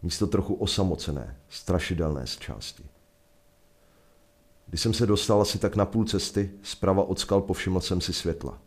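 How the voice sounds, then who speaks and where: A Czech man telling a first-person adventure story in a measured, vivid narration. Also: low voice, husky. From Czech Republic.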